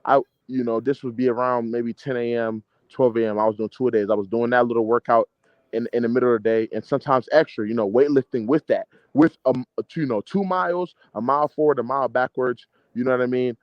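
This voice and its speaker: An amateur boxer in his mid-20s from the DC-Maryland-Virginia area chats casually in an interview, sounding slangy, confident and emphatic and repeating himself. His American-accented voice is mid-range, steady in tone and quick. The recording is muffled, with no room sound.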